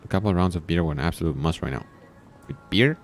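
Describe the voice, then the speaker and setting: With background music playing, a man with a low-sitting voice reads through a visual novel fast. He reacts informally to the story, dropping in his own casual comments along the way.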